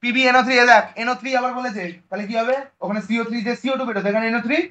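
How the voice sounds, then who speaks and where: A man teaching chemistry in a classroom lecture, lively and coaxing, often checking that the students follow. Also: extremely high pitch, very fast.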